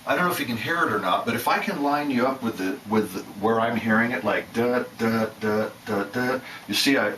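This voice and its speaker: A man's voice: on the low side, fairly bright tone, roomy sound, recorded from a distance, poor audio. Host, man, restless self-doubting talker, set back from the mic with a faint room hum. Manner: rambling, self-doubting, many restarts. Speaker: channel host. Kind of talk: rambling casual monologue.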